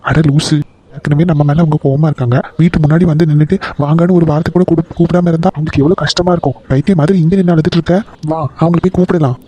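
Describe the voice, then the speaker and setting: A man's voice: fairly high pitch, fairly even intonation, rapid-fire, dark tone, slightly rough. A man voicing a polite young son-in-law in a cartoon, urgently coaxing his in-law to come inside. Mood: earnest, coaxing. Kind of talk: Tamil cartoon voice acting.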